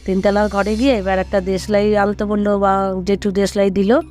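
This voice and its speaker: A man's voice: high-pitched, monotone, moderate pace, darkish tone, soft background music. A man telling a ghost story in casual conversation, rambling and repeating himself with many fillers.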